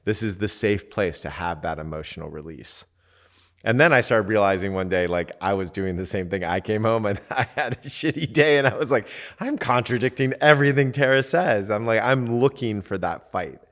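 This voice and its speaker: A man, a podcast host and coach, giving relaxed, candid advice in casual talk, swearing now and then and acting out little quotes. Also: lowish voice, moderate pace, big-room sound.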